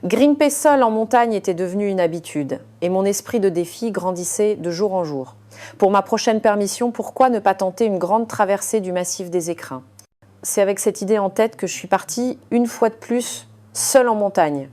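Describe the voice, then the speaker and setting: A woman narrates a scripted first-person story in a calm, even way. Her voice sits in a middle pitch with a mellow, warm color. She often pauses with small hesitations between phrases.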